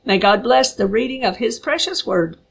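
A woman giving a solemn scripture reading aloud, with measured, deliberate phrasing and a husky voice. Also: fairly high pitch, animated. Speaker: scripture reader.

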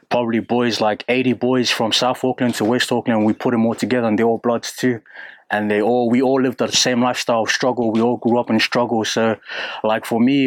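A young man from New Zealand with a New Zealand accent, talking candidly and haltingly in an interview, with many fillers and restarts. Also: medium pitch, dry recording. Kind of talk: casual interview.

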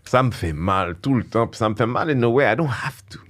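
A man's voice: mid-range voice, animated, a little fast. A man with a Quebec accent, a comedian and the host's older brother, talking earnestly as a podcast guest and mixing English phrases into his French. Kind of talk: casual podcast chat.

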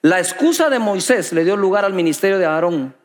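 An older man preaching a sermon as pastor, animated, acting out Bible dialogues in changing voices. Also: high voice, fairly quick.

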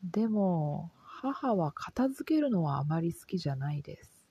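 A soft-spoken woman reading a simple lesson for language learners in a calm, gentle, careful way. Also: on the low side, a little slow, husky, dry recording, poor audio. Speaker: Japanese language teacher.

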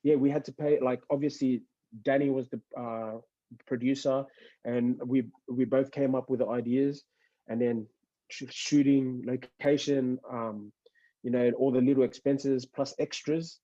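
A man's voice: mid-range voice, steady tone, measured pace, dark tone, lo-fi sound. A young man from Fiji, a podcast guest, chatting casually in a laid-back, rambling way with lots of fillers. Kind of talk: casual chat.

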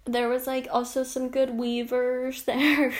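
A woman's voice: high-pitched, completely flat delivery, measured pace. A young woman chatting casually, laughing a lot as she tells stories. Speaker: vlogger. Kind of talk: casual chat.

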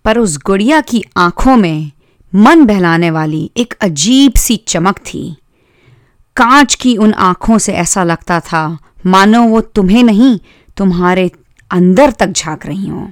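Gentle woman storyteller, dry sound. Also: medium pitch, expressive, takes it slowly, no room sound. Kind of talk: scripted narration.

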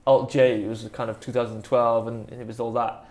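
In a casual interview, a band's musician and producer from the South Wales Valleys rambles through an anecdote, poking fun at himself in his Welsh Valleys accent. His mid-range voice is level, brisk, and a touch dark.

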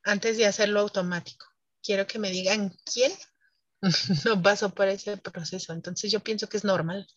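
A woman's voice: mid-range voice, fairly even intonation, moderate pace, dry recording, highs cut off. A woman, a French teacher, explaining pronunciation in an interview in an emphatic way, laughing often. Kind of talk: interview conversation.

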